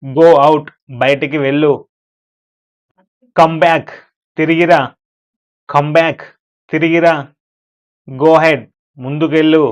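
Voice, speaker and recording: A man's voice: on the high side, level tone, drawn-out words, long pauses. A man with a Telugu accent teaching spoken English, reading each short phrase twice with its translation. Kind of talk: slow spoken-English lesson.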